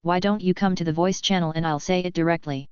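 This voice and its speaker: A woman's voice: lowish voice, fairly even intonation, quick pace, clean tone, dry recording, muffled recording, lightly acted. A woman voicing a cheerful, sincere young male team captain in an audiobook. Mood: friendly. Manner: friendly, sincere, encouraging.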